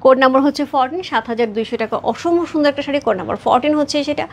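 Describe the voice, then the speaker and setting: A woman in her thirties from Bangladesh, hosting a live-stream saree sale with quick, repetitive sales patter and chat with her viewers. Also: high voice, a little hiss or hum.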